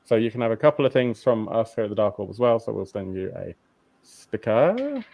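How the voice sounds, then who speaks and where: A man with a fairly low voice hosts a relaxed podcast over a remote call. He teases the others and chuckles at his own asides. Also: fairly quick, creaky, a little hiss or hum. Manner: jokey, teasing, chuckles at his own quips. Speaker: podcast host. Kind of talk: casual podcast chat.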